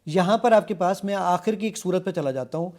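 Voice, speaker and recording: A man with a Pakistani Urdu accent and a notably high voice walks through features one step at a time. He sounds eager and explanatory, speaking as a guest in a television studio. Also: darkish tone. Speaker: app developer and guest. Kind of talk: product demonstration on a TV show.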